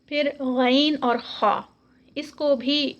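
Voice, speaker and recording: A woman teaching an online Quran recitation lesson, patiently repeating each letter sound slowly. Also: sits high, steady tone, muffled recording.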